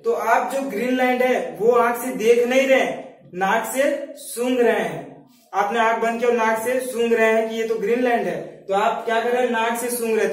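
High-voiced man teaching in an echoey room. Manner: asks questions then answers them himself; repeats "okay" between points. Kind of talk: memory-trick lesson. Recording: very echoey room, mic far off.

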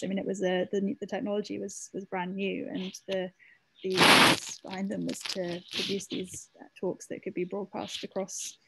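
A woman's voice: medium pitch, vocal fry, fairly bright tone, a little hiss or hum, low-quality recording. A woman author answering audience questions in an online talk, hesitant with many ums and restarts. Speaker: author speaking at a library talk.

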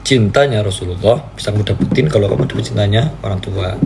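A man's voice: fast, creaky, heavy background noise. Playful man on a live stream. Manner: playful, mock-pleading, jumps to squeaky high cries. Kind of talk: casual live-stream chat.

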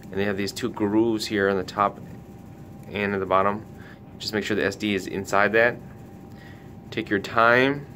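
A man guides a relaxed hands-on product demo for a retailer, explaining each step carefully. His tone is steady, bright and forceful, delivered at a moderate pace, while the recording carries noticeable background noise and a low rumble.

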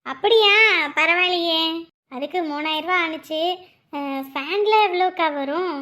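A woman's voice: very high voice, moderate pace, pushed and bright. A woman, chatting and scolding in a neighbourly skit. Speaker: performer voicing village women. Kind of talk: village comedy skit dialogue.

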